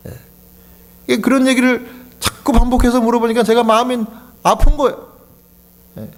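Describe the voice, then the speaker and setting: A middle-aged man from Korea, a pastor preaching a sermon in a church, telling a story with deep emotion. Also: flat delivery, a little fast. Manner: emotional storytelling, voice rising high with feeling.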